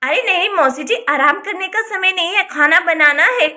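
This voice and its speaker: A woman voicing a busy, practical young village woman in a doll story, speaking briskly. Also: extremely high pitch, pushed and bright, full character voice. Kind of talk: Hindi doll-story voice acting.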